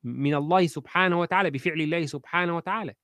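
A man's voice: fairly high pitch, racing, fairly bright tone, dry recording, studio quality. A male teacher with an Egyptian accent, quizzing students in an online lesson and repeating key phrases. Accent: Egyptian Arabic.

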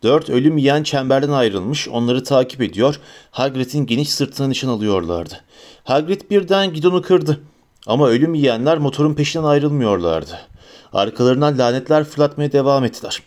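A man reading a fantasy audiobook aloud with expressive storytelling. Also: medium pitch, moderate pace. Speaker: narrator.

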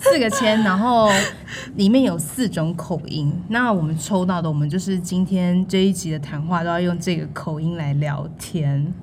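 A woman's voice: fairly low pitch, normal speed, darkish tone, slight background noise. A woman hosting a talk show in a casual, playful, conversational way.

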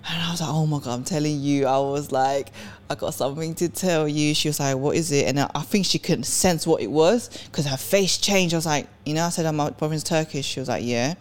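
A young woman from Sweden with a lowish voice chats on a podcast. She tells her story animatedly, acting out the lines of others and laughing often. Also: fairly quick, few pauses. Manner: animated, laughs often, acts out quoted dialogue. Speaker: podcast co-host. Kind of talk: casual storytelling chat.

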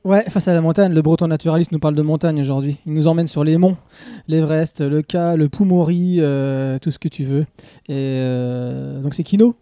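A man hosts a casual podcast, recorded live in a café. His voice sits high yet sounds very mellow and dark. He jokes freely and stumbles over fillers. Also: steady tone, moderate pace, no echo. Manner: joking, with many hesitant fillers. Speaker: podcast host.

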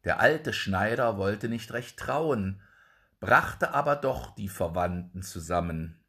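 A man reading a fairy tale aloud in a slow, expressive way. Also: on the low side, slightly rough. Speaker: storyteller.

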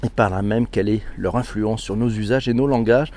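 Chatty man with a mellow voice. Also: on the low side, brisk. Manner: animated, chatty, laughs often and greets listeners. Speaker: podcast host. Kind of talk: casual chat reading listener messages.

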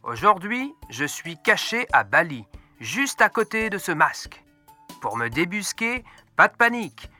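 A man's voice: high-pitched, very animated, measured pace, sharp tone, faint music behind, voice pushed up, heavily acted. A man voicing a playful old grandfather who hides and hands out clues in a children's storybook.

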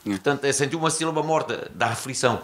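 A man's voice: medium pitch, animated, quick pace, fairly bright tone. Chatty man with a European Portuguese accent. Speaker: band member. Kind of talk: casual interview chat.

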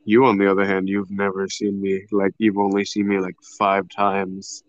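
A man's voice: low voice, monotone, moderate pace, no echo. A man in casual chat with a friend, teasing and crude, swearing a lot, on a dull lo-fi mic.

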